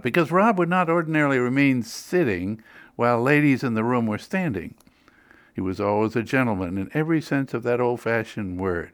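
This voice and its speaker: Wry older New England storyteller. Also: male voice, medium pitch, dry recording, clean studio sound. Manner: wry, dryly humorous. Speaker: magazine editor. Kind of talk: scripted storytelling narration.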